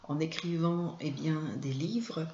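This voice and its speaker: A woman hosting her own video, explaining at an unhurried pace and pausing often on filler sounds. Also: low voice, dark tone, echoey room, lo-fi sound, slight background noise. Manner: hesitant, many filler sounds. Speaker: video host and image consultant. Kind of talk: informal talk to camera.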